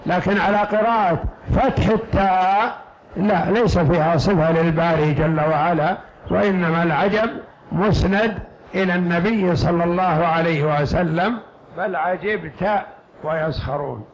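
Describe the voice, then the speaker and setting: High-pitched sheikh explaining a text, slow and emphatic, repeats phrases, muffled lo-fi lecture audio. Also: male voice, fairly even intonation, slight background noise. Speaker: sheikh teaching a creed text. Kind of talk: lecture commentary on a read text. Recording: dull lo-fi lecture recording.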